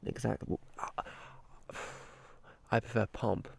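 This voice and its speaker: A man's voice: deep voice, fairly quick, gravelly, darkish tone. A man co-hosting a podcast, chatting casually with crude, playful teasing. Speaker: podcast co-host. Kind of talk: casual chat.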